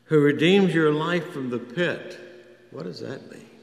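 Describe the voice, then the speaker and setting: A man preaching a sermon, telling scripture stories and acting out the prayers and words of the people in them. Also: gravelly. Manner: slow, storytelling, acts out prayers and quotes with rising pitch. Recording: echoey hall with long reverb.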